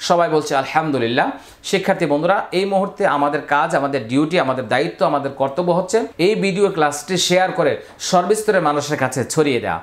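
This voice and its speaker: A man teaching Quran reading, spelling out syllables slowly and then chanting the words in long, drawn-out recitation. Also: fairly high pitch. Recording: roomy echo.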